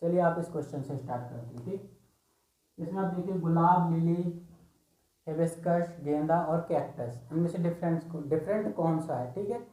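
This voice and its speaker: A man's voice: a little high, moderate pace, mellow, echoey room, poor audio. A male teacher giving an exam-prep reasoning lesson, explaining step by step and often checking in with "theek hai".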